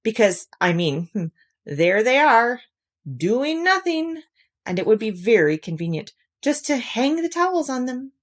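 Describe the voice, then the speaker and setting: A woman's voice: on the high side, very animated, measured pace, pitched above the performer's own voice. A woman voicing a practical, stern male storybook rabbit with a fussy, matter-of-fact manner. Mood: cheerful.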